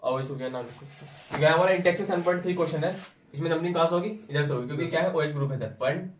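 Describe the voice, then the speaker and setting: Here a young man gives a casual chemistry tutoring session in classroom style, walking through every step and saying answers again, teasing and pressing hard if anyone pushes back. He speaks rapid-fire at a fairly high pitch. Slight background noise, roomy echo, and a distant mic.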